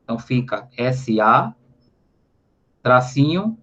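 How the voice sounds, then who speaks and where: The Brazilian man speaks slowly in a sing-song, medium-pitched voice with a sharp tone. Explaining grammar in a recorded online lesson with his Brazilian Portuguese accent, he regularly uses tag questions and breaks words into spelled-out syllables. Audio is slightly dull lo-fi.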